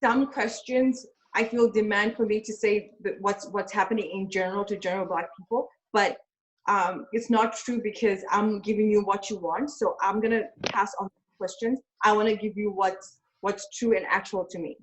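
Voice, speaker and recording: A woman from Zimbabwe, speaking as a webinar panelist over a video call in a measured, candid way with a few pauses. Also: medium pitch, steady tone, low-quality recording. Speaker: panelist, aerospace professional. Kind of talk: casual chat.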